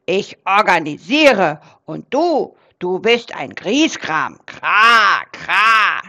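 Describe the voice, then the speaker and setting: Woman doing a croaking, fussy raven. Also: mid-range voice, big pitch swings, very slow, sharp tone, exaggerated voice. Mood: indignant. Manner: croaks between words. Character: excited bossy male raven, croaking.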